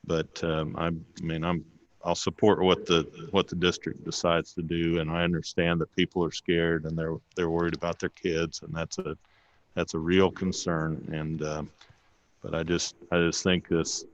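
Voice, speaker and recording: A man speaking as a board member at a meeting, giving his opinion haltingly and repeating himself. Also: deep voice. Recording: muffled, noisy meeting audio with clicks.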